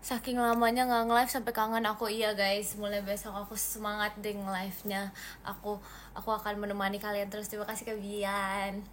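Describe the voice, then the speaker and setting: On a casual livestream, a seventeen-year-old from Indonesia reads viewer comments and thanks people one by one, slipping into English now and then. She speaks fairly quickly in a level, mid-range voice, with a little hiss or hum in the background.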